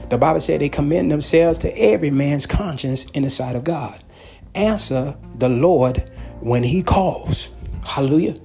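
A man's voice: fairly high pitch, vocal fry, a little mellow. A man preaching a podcast sermon, pleading and repeating himself, stopping often to check his listeners are with him. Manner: repetitive, pleading, peppered with "okay" and "hallelujah".

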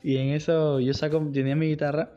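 A man's voice: on the high side, little pitch movement, fast talker, warm tone, lo-fi sound, soft background music. A young man, co-hosting a podcast, telling stories in slangy, teasing chat. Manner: slangy, teasing, tells stories with quoted voices. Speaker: podcast co-host. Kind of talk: casual chat.

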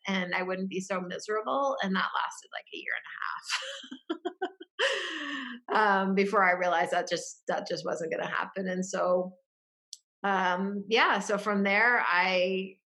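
A woman's voice: medium pitch, sharp tone. A woman interview guest telling her life story in a reflective way, with frequent fillers and restarts. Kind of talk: casual personal storytelling.

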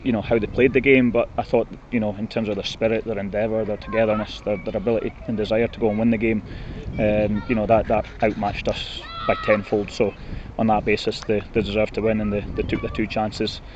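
A Scottish man giving a post-match interview as a football manager, blunt and disappointed, speaking haltingly. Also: fairly low pitch, level tone. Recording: muffled, noisy outdoor recording with traffic.

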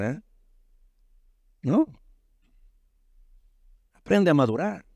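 A male pastor preaching a sermon, often calling his listeners "brother" and asking them "right?", his pitch swinging sharply up and down. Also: no echo, studio quality. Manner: preaching with sudden rises and drops in pitch, many rhetorical tag questions.

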